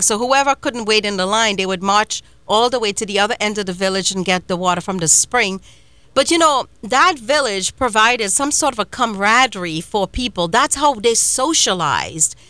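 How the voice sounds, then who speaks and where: A woman from Trinidad and Tobago hosting a casual interview, telling stories with animated laughter. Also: mid-range voice, moderate pace, clean tone, dry recording. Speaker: show host.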